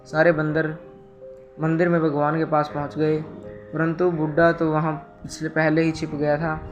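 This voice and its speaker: A man reading a folk tale aloud as a scripted storyteller, in a steady, even manner. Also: fairly high pitch, normal speed, dull audio, music in the background.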